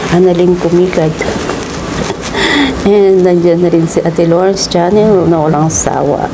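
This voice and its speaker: Slow-talking Filipino woman vlogger, noisy background. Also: on the low side, fairly even intonation. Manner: unhurried, halting, pausing between phrases. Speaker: vlogger hosting a mukbang. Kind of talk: casual vlog chat with shout-outs.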